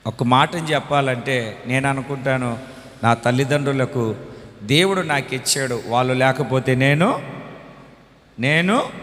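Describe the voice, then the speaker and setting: High, bright-voiced impassioned pastor. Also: male voice, in a large hall. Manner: impassioned, rising to loud proclamations. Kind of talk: sermon.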